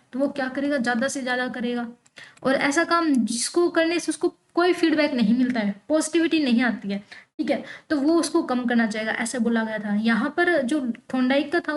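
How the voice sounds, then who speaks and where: A woman teaching an online exam-prep lecture, reading English lines out slowly and then explaining them, asking questions and answering them herself. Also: high-pitched. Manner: peppers explanations with checking tags like "theek hai".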